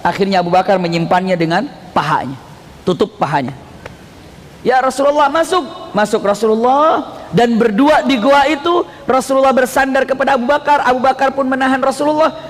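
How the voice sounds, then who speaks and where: Male preacher, very high-pitched, lively and questioning, echoing hall. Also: fairly quick. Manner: animated, questions the audience, acts out dialogue. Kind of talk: storytelling sermon. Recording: echoey hall.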